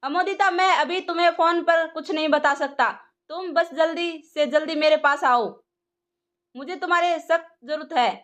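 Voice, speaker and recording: A woman's voice: very high-pitched, moderate pace, fairly bright tone. A woman voicing an anxious young man calling urgently in an audio story. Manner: urgent, nervous.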